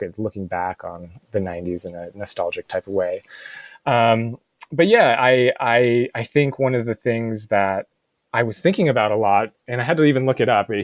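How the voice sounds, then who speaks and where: A bookstore manager in his thirties from the Seattle suburbs co-hosts a podcast, talking casually and reflectively in a lowish voice. He's halting, often pausing to find his words and saying "like" a lot. The recording is dry.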